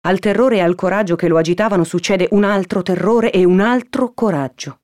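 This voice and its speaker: A woman's voice: medium pitch, fairly quick, a little mellow. Woman reading a classic novel aloud. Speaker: narrator.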